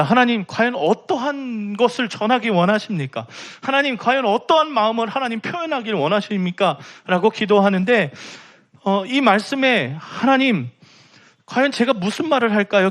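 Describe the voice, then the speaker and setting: A man's voice: high-pitched, a bit bright. A young man preaching a sermon in a church, impassioned and rising to emphatic pleading. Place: church sanctuary.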